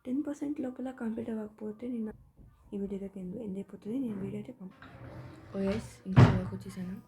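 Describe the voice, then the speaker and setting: Soft-whispering woman gaming host. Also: medium pitch, fairly even intonation, fast, noisy background. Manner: soft, mostly whispered talk. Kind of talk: casual gameplay commentary. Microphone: tablet mic.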